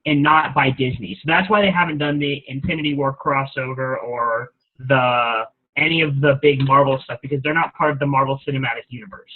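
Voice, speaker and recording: A man's voice: mid-range voice, fairly even intonation, a little fast, hardly any pauses. A man co-hosting a podcast, explaining things matter-of-factly in casual chat. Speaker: podcast co-host. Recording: tinny phone-like line.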